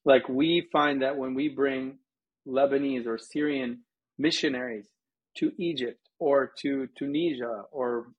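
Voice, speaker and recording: Speaking as a guest from a missions organization, a Colorado man in the United States chats through interview questions and tells anecdotes along the way. His voice is medium-pitched, husky and steady, a little slow. The sound quality is lo-fi.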